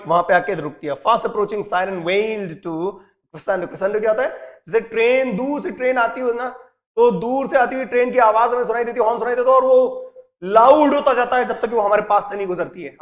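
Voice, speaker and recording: A man teaches a story lesson in an animated way. He reads passages of the text aloud, then explains them and acts out the characters' lines. His voice sits high. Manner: switches between reading English text and explaining.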